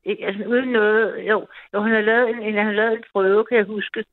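In a mid-range voice with fairly steady intonation, a woman in her fifties tells a lengthy personal story as a caller on a radio show. She rambles casually, restarting and filling gaps often, and the line is tinny and dry.

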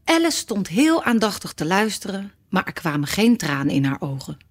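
A woman reading a storybook aloud in an expressive way. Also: medium pitch, normal speed, soft background music. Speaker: narrator.

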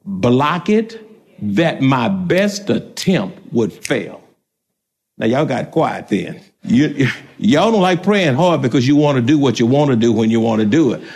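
A man pastor preaching a sermon, shouting out prayers, laughing between lines, speaking. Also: sits high.

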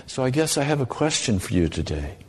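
A man preaching a sermon, gravely warning of judgment and urging listeners on with deliberate repetition and pointed questions. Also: medium pitch, sing-song, darkish tone, slight background noise. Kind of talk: sermon to a congregation. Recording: long hall reverb.

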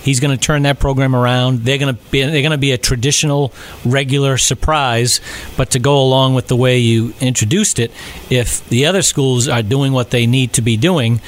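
A middle-aged man from Rhode Island, co-hosting a casual sports podcast chat, talking haltingly with many fillers and restarts. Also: mid-range voice, steady tone, slight background noise. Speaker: podcast co-host.

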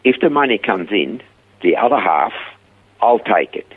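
His voice is husky and fairly low, moving at a moderate pace over narrow, phone-like radio sound. The older man, Swiss and speaking with a Swiss accent, is a radio interview guest spinning a lively story and voicing the characters he quotes.

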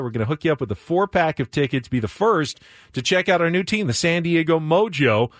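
A man's voice: a little high, a bit bright, no echo. An American man hosting sports radio, reading a contest promo to listeners in an announcer-like way from a studio. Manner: announcer-like, addressing listeners directly. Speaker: sports radio show co-host. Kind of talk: radio contest promo read and segment tease.

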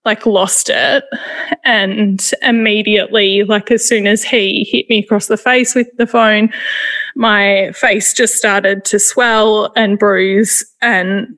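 A woman, retelling a painful personal experience in a halting, emotional way, with frequent restarts. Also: mid-range voice, fairly even intonation, fairly bright tone. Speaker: interviewee. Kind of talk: personal testimony.

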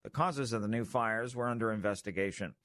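A man's voice: lowish voice, a little fast, fairly bright tone, no echo, clean studio sound. A man with an American accent reading scripted radio news as an anchor.

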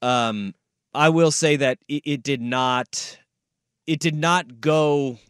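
Man, sports radio host, slightly high voice, casual talk, emphatic repeats, dry studio sound. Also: slow, fairly bright tone, clear, resonant tone, dry recording.

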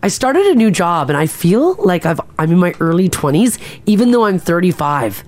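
A woman co-hosts a relaxed podcast, working through listener messages with chatty asides. Her voice sits low but swings widely in pitch as she talks. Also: normal speed. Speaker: podcast co-host reading listener texts. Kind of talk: casual chat.

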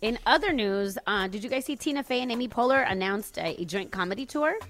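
A woman's voice: a little high, lively intonation, fast talker, fairly bright tone. An American woman co-hosting a radio show, delivering news and announcements in live studio talk. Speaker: radio morning show co-host reporting entertainment news. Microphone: studio broadcast microphone. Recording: music bed under the voice.

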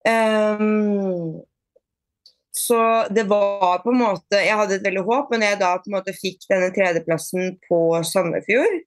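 A woman being interviewed on a podcast, chatting casually, with many fillers and restarts and lively retold dialogue. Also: mid-range voice, no echo, clean studio sound. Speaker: podcast guest, bodyfitness athlete.

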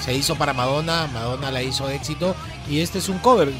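A man hosting a morning radio show in a lively, teasing, casual way. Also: a little high, fast talker, over music. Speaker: radio host.

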